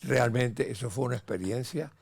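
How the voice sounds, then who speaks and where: An older man, a grandfather hosting a casual family chat, telling stories with animated energy and many restarts. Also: mid-range voice, normal speed, creaky. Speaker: podcast host, grandfather.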